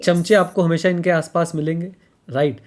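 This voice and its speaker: A man's voice: a little high, fairly even intonation, normal speed. A man co-hosting a podcast in casual talk, emphatic, repeating his points and mixing in English phrases. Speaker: podcast co-host.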